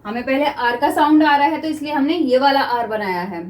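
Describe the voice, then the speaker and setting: A woman's voice: sits high, a little fast, darkish tone. A woman with an Indian accent teaching shorthand to students, often checking if they understand and reading out sentences for dictation. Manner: coaching tone, repeats "clear?" and "students" often. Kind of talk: classroom lesson with slow dictation.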